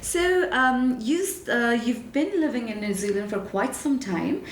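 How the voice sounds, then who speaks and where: A woman's voice: a little high, a little slow, roomy sound, slight background noise. A woman hosting a show, asking an interview guest questions in an upbeat way, with some hesitations. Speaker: show host. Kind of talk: hosted interview.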